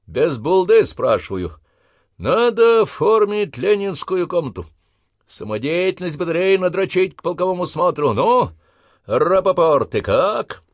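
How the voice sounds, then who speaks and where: A man's voice: fairly high pitch, sing-song, measured pace, no echo, clean studio sound, voice pushed up, heavily acted. A man voicing a harsh, scornful army drill sergeant who barks crude commands at recruits. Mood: gruff, scornful. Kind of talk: audiobook character voice.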